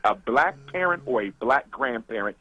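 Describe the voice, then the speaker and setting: A man's voice: mid-range voice, lively intonation, normal speed, bright, forceful tone. A man calling in as a guest to a radio talk show, lecturing emphatically over a call-in line.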